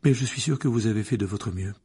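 A man reading an audiobook, voicing an eccentric older female seer who speaks in slow, hushed, breathy tones. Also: on the low side. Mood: disappointed. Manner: slow, mysterious, then harsh trance voice. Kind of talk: audiobook character voice.

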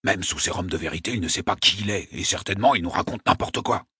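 A man reading an audiobook, voicing a nervous, scornful male conspirator with a raspy voice. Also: sits low, fast talker, bright, forceful tone, no echo, studio quality, exaggerated voice. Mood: agitated. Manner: scoffing, jittery outbursts. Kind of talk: audiobook character voice.

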